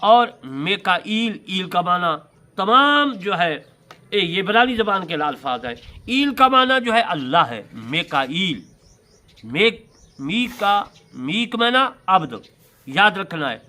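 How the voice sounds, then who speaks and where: A man preaching a religious lecture, explaining word meanings with emphatic, drawn-out words and repeated points. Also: high-pitched, big pitch swings, bright, forceful tone. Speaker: Islamic preacher explaining scripture commentary. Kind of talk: sermon-style religious lecture.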